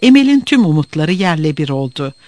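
A man reading a novel aloud as narrator, in an expressive, dramatic way. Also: fairly high pitch, a little fast, no echo.

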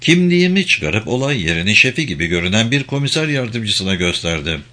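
A man reading a first-person audiobook in a steady, deliberate way. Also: on the low side. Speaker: audiobook narrator.

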